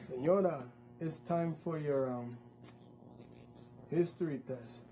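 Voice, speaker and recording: A man's voice: on the high side, takes it slowly, dark tone. A man playing a blunt, wisecracking male taxi driver. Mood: wry.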